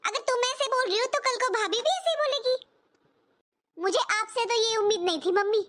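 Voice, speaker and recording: A very high, sharp-voiced young daughter from a cartoon drama who takes offence quickly and argues back. Her tone stays indignant and defensive. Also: slight background noise. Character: young married daughter, touchy, quick-tempered. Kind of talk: cartoon voice acting.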